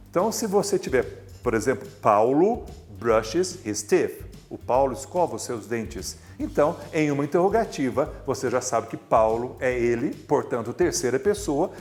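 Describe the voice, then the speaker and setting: A Brazilian man teaches English grammar in a recorded lesson, his voice rising and falling in lively swoops. He explains patiently and stretches key words for emphasis. Soft music plays faintly underneath. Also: mid-range voice. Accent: Brazilian Portuguese.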